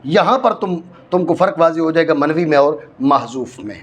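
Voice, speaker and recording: This Pakistani man's Arabic grammar class proceeds step by step, with repeated points and frequent checks on whether students are following. His voice is a little high, expressive, and slightly rough.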